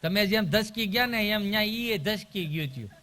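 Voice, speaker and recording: A high-pitched man, spinning a comic village tale on stage. He is middle-aged and animated, slipping into other voices as he goes. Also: normal speed. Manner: rustic, animated storyteller who acts out voices. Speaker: stand-up comedian. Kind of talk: folk storytelling comedy.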